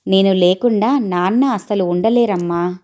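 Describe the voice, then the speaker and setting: A woman voicing an emotional young adult son in a read-aloud storybook, speaking in a soft, pleading way. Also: mid-range voice, moderate pace, lightly acted.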